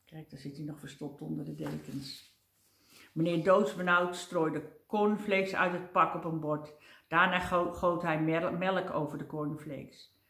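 An older woman reading a children's storybook aloud in a gentle, expressive way, with the odd slip over a word. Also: low-pitched, unhurried, gravelly, reverberant.

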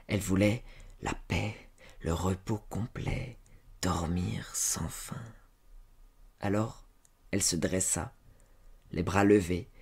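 A man narrating a classic story as an audiobook, measured and subdued. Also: on the low side, darkish tone, slightly rough. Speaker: audiobook reader.

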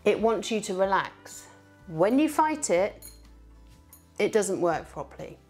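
A woman's voice: mid-range voice, very animated, measured pace, darkish tone, husky, faint music behind. A woman teaching a beginner how to treadle a spinning wheel, in a chatty, encouraging way, counting out the rhythm as she demonstrates.

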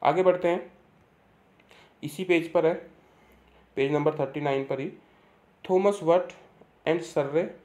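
Guy teaching lit for exam prep, reads english slow then repeats the key words. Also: a little high, darkish tone. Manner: asks and answers his own questions. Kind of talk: exam-prep lecture, reading English text then explaining in Hindi.

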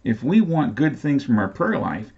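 A man's voice: mid-range voice, big pitch swings, moderate pace, creaky, darkish tone, slightly rough, lo-fi sound. A man preaching a sermon as senior pastor, earnest and plain-spoken, often restarting phrases as he appeals directly to his listeners.

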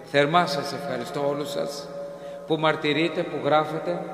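A fairly high-voiced man preaching a sermon as a priest, acting out the exchanges in the story he tells. His voice rings through a church with a long, echoing reverb. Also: soft background music. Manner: animated storytelling, acting out dialogue.

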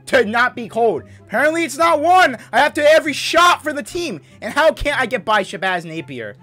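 A young man playing a basketball video game as a raging gamer, exasperated and repeating his complaints in loud outbursts. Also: extremely high pitch, sing-song, brisk, soft background music. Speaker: gaming streamer.

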